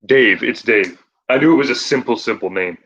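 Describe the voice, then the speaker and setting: A man's voice: medium pitch, normal speed, fairly bright tone, muffled recording, a little hiss or hum. A man in casual chat recommending movies, who laughs often and rambles with restarts.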